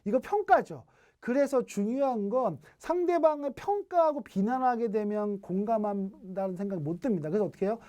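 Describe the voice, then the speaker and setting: A lecturer with a mellow, warm tone delivers an online training session. The talk is full of rhetorical questions. Short snippets of dialogue are acted out to make each point. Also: mid-range voice, animated, a little fast. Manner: asks rhetorical questions, acts out quoted dialogue.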